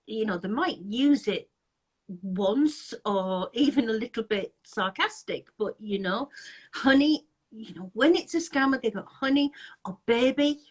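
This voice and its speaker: With a fairly high pitch and lively intonation, this woman talks a little slowly. She's an English host of an anti-scam group, interviewing someone casually on a live video chat, laughing often, chatty, and restarting sentences as she goes.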